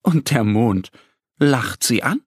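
Man reading a kids story slow and gentle, voice swings up n down, kinda husky. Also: mid-range voice, expressive, dry recording, studio quality. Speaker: narrator. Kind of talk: scripted narration of a children's story.

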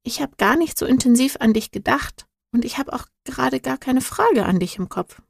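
A woman reading a storybook, voicing a curious, earnest young schoolgirl with a bright, eager way of asking questions. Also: high-pitched, expressive, normal speed, creaky, breathy edge, no echo, clean studio sound, pitched above the performer's own voice, exaggerated voice.

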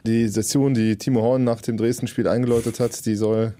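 Mellow, dark-voiced man chatting on a podcast. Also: medium pitch, little pitch movement, fairly quick, no room sound. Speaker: podcast co-host and football reporter. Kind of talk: casual analytical football chat.

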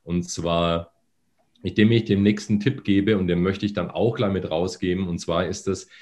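Male voice coach, lowish and slightly phlegmy, teaching with demonstrations. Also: fairly even intonation, normal speed, darkish tone. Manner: instructive, demonstrates with hums and sung lines. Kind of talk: demonstrating voice exercises in a podcast.

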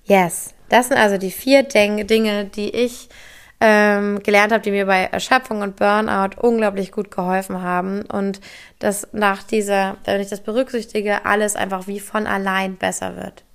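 Young woman podcaster, talks fast and excited, bits of english thrown in, lots of vocal fry. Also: mid-range voice. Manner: enthusiastic, mixes in English words; talks quickly. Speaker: podcast host. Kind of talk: solo podcast talk.

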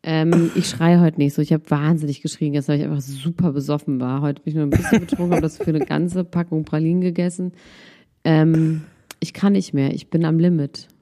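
A woman co-hosts a casual gossip podcast, talking in a giddy, animated and self-mocking way. Her voice sits slightly low for a woman. She jumps quickly between jokes and complaints. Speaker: podcast co-host.

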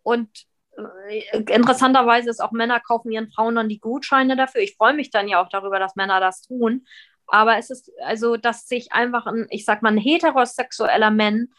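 A woman's voice: fairly high pitch, fairly even intonation, fairly quick, fairly bright tone. Chatty woman guest on a video call. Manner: chatty, many restarts and fillers. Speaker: guest, flower school founder. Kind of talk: interview over video call.

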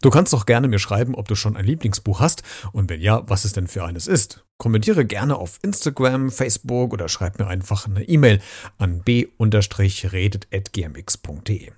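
A man's voice: lowish voice, lively intonation, moderate pace, darkish tone, breathy edge, dry recording, studio quality. A man hosting a podcast, reading a children's book aloud in a friendly way and speaking directly to children. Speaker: podcast host.

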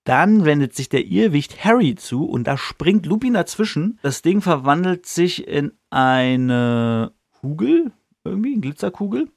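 A man's voice: a little high, gravelly, dry recording, studio quality. A young man hosting a podcast, retelling a book chapter in a casual, slangy way with lots of fillers. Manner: slangy, chatty, many fillers. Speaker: podcast host.

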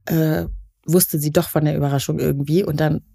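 Chatty woman with a mellow, lowish voice. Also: fairly even intonation, brisk, vocal fry, slightly rough. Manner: chatty, laughs at her own jokes. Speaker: podcast co-host. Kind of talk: casual bedtime chat.

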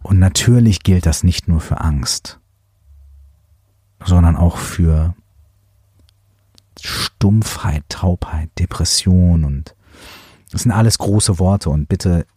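A man hosting a coaching podcast, talking in a gentle, musing way with many fillers. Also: low-pitched, takes it slowly, pauses often, slightly rough, dry recording, studio quality. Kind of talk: reflective podcast monologue.

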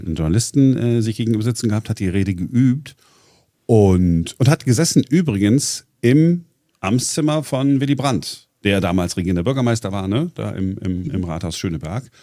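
A man's voice: lowish voice, moderate pace, warm tone, no room sound, studio quality. A man presenting on a talk show in casual chat, explaining at length with many hesitations and restarts. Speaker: radio presenter.

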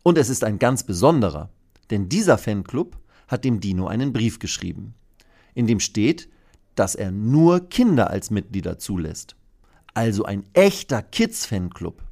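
A man reading a children's story aloud in a lively, expressive, playful way. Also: fairly low pitch, a little slow, creaky.

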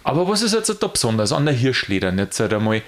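A man's voice: medium pitch, very animated, fast talker. A man with a Bavarian accent hosting a casual chat, joking and laughing often as he talks. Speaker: podcast host.

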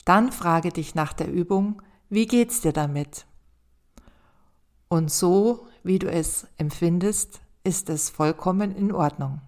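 A woman hosting a self-help podcast, calmly speaking straight to the listener and guiding them through exercises in a gentle, encouraging way. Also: fairly low pitch, slow. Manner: calm, addresses the listener directly as "du". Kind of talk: scripted advice monologue.

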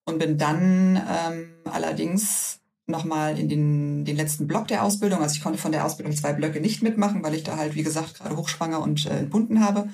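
A woman recounts her story as an interview guest in a casual, lively way. She tosses in fillers and brings the quoted dialogue to life. Her voice sits a little back from the microphone. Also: sits low, fairly quick, gravelly, hardly any pauses, distant mic. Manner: lively anecdotal telling with many fillers, acting out quoted dialogue. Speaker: interview guest, salon owner.

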